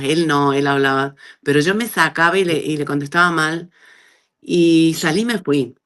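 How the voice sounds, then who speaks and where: A middle-aged woman with an Argentine accent, telling her personal testimony in a conversational way and acting out the dialogue she quotes. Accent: Argentine Spanish. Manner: animated storyteller who acts out quoted dialogue with big pitch jumps. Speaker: guest giving a testimony.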